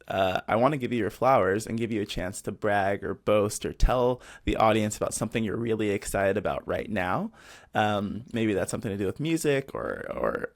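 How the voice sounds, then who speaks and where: Gravelly low-voiced podcast host. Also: male voice. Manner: affirming, encouraging, frequent agreement noises. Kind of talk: casual podcast interviewing.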